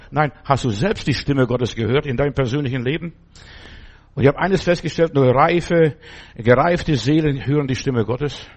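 An older man, a pastor, preaching a sermon emphatically and addressing his congregation directly. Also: mid-range voice.

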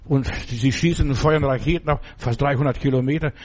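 A man's voice: medium pitch, a little fast. An older man, a pastor, preaching a sermon emphatically and addressing his congregation directly.

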